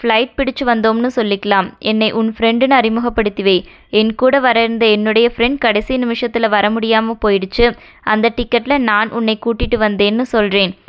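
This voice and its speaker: A woman's voice: a little high, fairly even intonation, moderate pace, smooth, close to an everyday voice. Woman reading as a brusque young man. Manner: curt and offhand. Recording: dull lo-fi recording.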